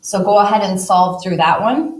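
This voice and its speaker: A woman's voice: medium pitch, moderate pace. A woman teacher talking through math problems step by step, working as she writes and uses a calculator. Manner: talks through steps while writing and using a calculator. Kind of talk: recorded math lesson. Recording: echoey room, voice a bit distant from the mic.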